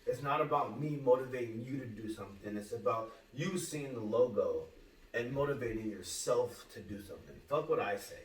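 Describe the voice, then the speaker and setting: A man in his thirties hosting a podcast, talking earnestly in casual chat with halting restarts. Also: mid-range voice, expressive. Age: 30s. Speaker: podcast host. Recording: roomy, distant mic with faint hum.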